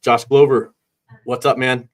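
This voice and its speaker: A man's voice: mid-range voice, little pitch movement, unhurried. A man hosting a podcast in casual chat, upbeat, laughing often and using many fillers. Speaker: podcast host.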